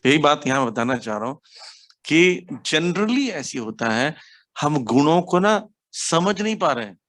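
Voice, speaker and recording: A man from India giving a devotional class, telling stories animatedly and mixing English words into his speech. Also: a little slow. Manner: animated storytelling, acts out quotes with sharp pitch jumps. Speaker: preacher.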